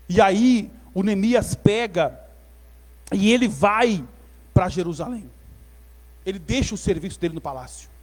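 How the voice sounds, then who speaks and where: A man preaching a teaching sermon in church, animated and repetitive, calling listeners brother. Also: sits high. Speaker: pastor.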